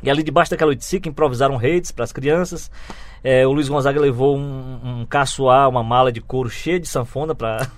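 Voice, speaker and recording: A man, a book's author telling lively anecdotes as an interview guest, with frequent tag questions. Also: medium pitch, brisk, dry recording. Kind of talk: anecdotal storytelling.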